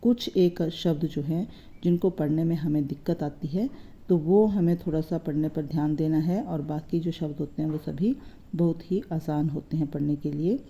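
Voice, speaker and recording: A woman's voice: sits low, dark tone. Patient woman teaching Hindi words. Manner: patient, repeats words slowly, asks and answers own questions. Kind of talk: explanatory lesson.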